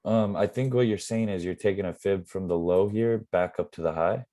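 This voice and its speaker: A man explaining live trading in a relaxed, rambling way with many fillers, his voice going hoarse. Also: low voice, moderate pace. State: losing his voice. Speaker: forex trading mentor.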